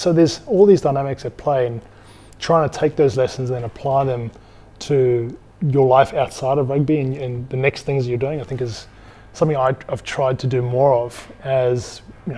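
A man's voice: mid-range voice, mellow. A man in his thirties from South Africa, speaking reflectively and articulately as an interview guest. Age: 30s. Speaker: interview guest, former professional rugby player. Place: indoors in an empty bar. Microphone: clip-on lapel mic.

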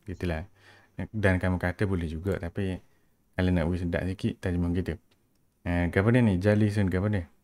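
A man's voice: low-pitched, steady tone, fairly quick, darkish tone, no echo. A man with a Kelantanese Malay accent, teaching grammar in an informal, interactive tutoring style. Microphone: headset.

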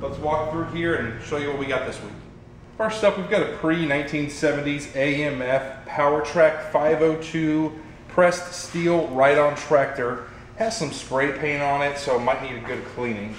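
Guy walking thru a warehouse showing off auction stuff, kinda high voice, echoey room w faint hum. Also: normal speed. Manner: upbeat item-by-item presenting. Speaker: auction host. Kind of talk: auction preview walkthrough. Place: large warehouse showroom.

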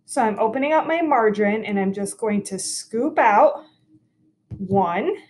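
A teacher in her thirties hosts a kids' cooking video from her home kitchen, walking through each step cheerfully, clearly and instructively, recorded by a laptop camera across the counter. Her medium-pitched voice is unhurried and darkish, with lively intonation.

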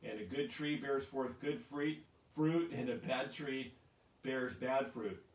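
A man's voice: medium pitch, slow. A male pastor giving a casual, rambling livestream sermon and prayer, with many fillers. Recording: echoey room, distant from mic.

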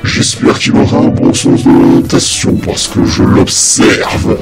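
A man voicing a dark, mocking villain who hosts a video game challenge, taunting theatrically in a croaky growl. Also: sits low, fairly even intonation, a little slow, full character voice. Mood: sinister, gloating. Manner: taunting, theatrical, hesitant delivery. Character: dark male villain sneering at mortals and mocking his victim. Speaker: challenge host of a gaming video. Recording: loud music behind the voice.

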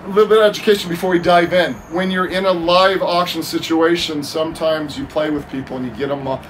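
A middle-aged man hosting a storage-auction video, explaining tips in an animated, gesturing way outdoors at a metal storage unit. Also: a little high, fast, low-quality recording. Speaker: storage unit reseller and host. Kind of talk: casual on-camera explaining. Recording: noticeable outdoor background noise.

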